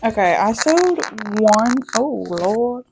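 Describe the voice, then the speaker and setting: A woman's voice: on the high side, sing-song, slow, music in the background. Chatty young woman doing a sewing tutorial. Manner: chatty, self-interrupting, laughs at herself. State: a little out of breath. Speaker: sewing channel host. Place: home sewing room.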